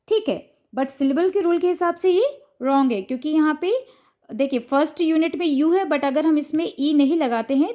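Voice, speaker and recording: A young woman with an Indian accent explaining a phonics lesson patiently, often pausing to check the listener is following. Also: high-pitched, darkish tone. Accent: Indian English. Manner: patient, repeats "ठीक है" to check understanding. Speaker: teacher and channel host.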